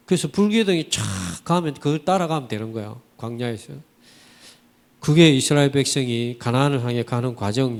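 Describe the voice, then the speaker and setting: Korean man preaching in an echoey church. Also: mid-range voice. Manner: asks the congregation rhetorical questions; animated, vivid colloquial storytelling. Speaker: pastor. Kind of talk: sermon. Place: church sanctuary. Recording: church hall reverb.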